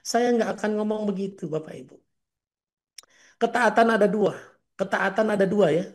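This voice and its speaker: A man's voice: high-pitched, normal speed. A man in his forties, an Islamic preacher in casual talk, telling stories earnestly with quoted dialogue.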